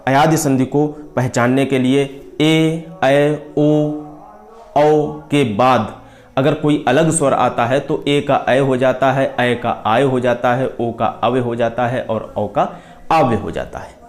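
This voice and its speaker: A man's voice: mid-range voice, fairly even intonation, slow. A man teaching a grammar lesson, repeating each point and asking questions that he answers himself, drawing out vowel sounds as he explains. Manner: repetitive, asks and answers his own questions, stretches out vowel sounds.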